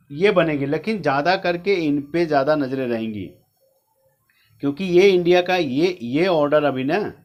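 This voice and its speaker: A man giving casual, repetitive fantasy cricket advice straight to his viewers. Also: a little high. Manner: chatty, repetitive, advising directly. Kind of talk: casual explainer monologue.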